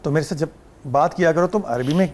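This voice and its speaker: A man's voice: on the high side, darkish tone. A man with a Pakistani Urdu accent, a guest on a talk show, telling chatty anecdotes and mixing in English and Arabic phrases. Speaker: guest actor. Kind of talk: relaxed talk show storytelling.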